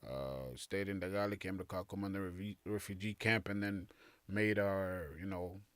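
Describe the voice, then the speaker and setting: Low-voiced, easygoing man in his late twenties. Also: fairly even intonation, fairly bright tone, no room sound. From Somalia. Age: late 20s. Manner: easygoing, halting, laughs often. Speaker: guest DJ. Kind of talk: casual interview.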